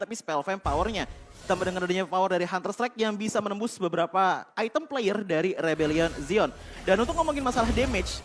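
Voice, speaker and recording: A man with an Indonesian accent giving detailed analytical esports commentary, peppered with English game terms. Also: high voice. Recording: loud music behind the voice. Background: music.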